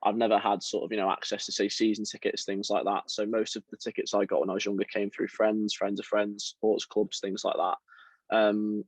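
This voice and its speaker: Young guy from near liverpool, lowish voice, rambly fillers, dead dry sound. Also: level tone, normal speed, husky, dry recording. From England, around Liverpool. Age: young adult. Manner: chatty, self-deprecating, many fillers and restarts. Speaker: football writer guest. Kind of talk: casual interview chat.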